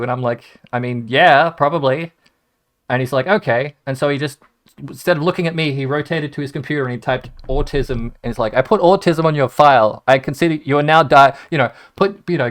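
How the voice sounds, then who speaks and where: A young man, a gaming content creator, telling a rambling, self-mocking story in casual chat to his viewers. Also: mid-range voice. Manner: rambling, jumps between tangents, wry and self-mocking.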